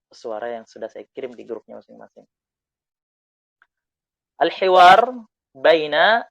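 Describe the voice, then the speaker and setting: A man with an Indonesian accent teaching Arabic, reading lines slowly and loudly for students to repeat, then explaining in quick asides. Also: medium pitch, creaky, no room sound, dull audio. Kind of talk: online Arabic lesson, reading dialogue aloud.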